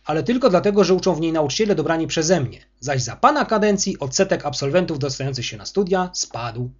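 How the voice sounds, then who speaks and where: Guy doing a loud bossy superintendent, raised pitch, scolding hard, husky voice, dull lo-fi audio. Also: animated, fairly quick. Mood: angry. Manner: harsh, scolding, domineering. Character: angry arrogant male school superintendent, bullying official.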